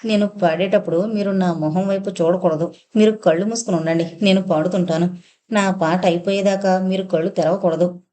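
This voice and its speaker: A woman's voice: on the low side, fairly even intonation, fairly quick, dark tone, natural voice. A woman reading the lines of a shy, bashful young woman in an audio novel.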